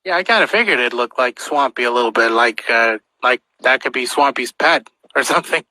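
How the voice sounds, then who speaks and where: A man's voice: medium pitch, lively intonation, a little fast, sharp tone, no room sound, rough recording. A man, a guest voice actor, chatting casually on a podcast, rambling with lots of fillers.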